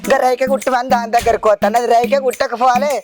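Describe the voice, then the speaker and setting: A quarrelsome village gossip played by a woman with a Telangana Telugu accent. She scolds and bickers in a fairly high voice, with film music behind. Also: fairly even intonation, fast, lightly acted. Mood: bickering.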